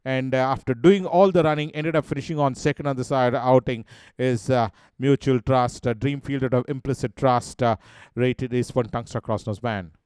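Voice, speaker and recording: A man with an Indian English accent previews a horse race over replays, going steadily through each runner's form like a list and using many "uh" fillers. His voice is medium in pitch, smooth, and moderately paced, with no echo.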